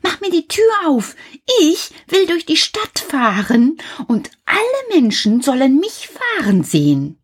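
A woman voicing a greedy little boy who keeps shouting for more, with a shrill, insistent voice. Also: huge pitch swings, a little slow, few pauses, heavily acted. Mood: demanding.

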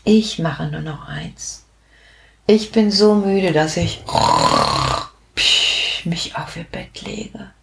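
A woman's voice: lowish voice, extremely slow, vocal fry, pauses often, a little mellow. A woman telling a playful bedtime story to children, speaking expressively and addressing them directly.

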